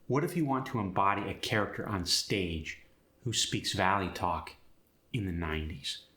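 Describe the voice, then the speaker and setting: A man's voice: low-pitched, normal speed, bright, forceful tone. A man giving scripted instruction as an accent teacher, explaining terms in short, plain definitions. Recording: roomy echo.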